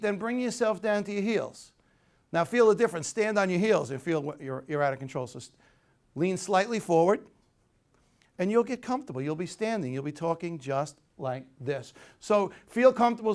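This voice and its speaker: Guy running a public speaking workshop, kinda high voice, energetic, coachy, gets everyone to repeat after him. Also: brisk. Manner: energetic, coaching, leads the group in call-and-response; demonstrative, acts out postures and tones. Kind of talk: live workshop teaching.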